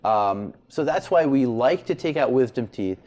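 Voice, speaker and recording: A man's voice: medium pitch, moderate pace. A man speaking as an oral surgeon, giving explanatory answers in an interview. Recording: steady background ambient noise.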